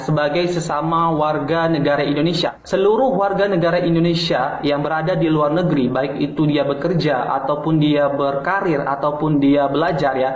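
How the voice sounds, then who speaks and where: High-pitched lecturing man, echoey clip. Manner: lecturing, frequent "gitu ya" tags. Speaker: YouTube commentator. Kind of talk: video commentary. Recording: echoey, dull played-back clip.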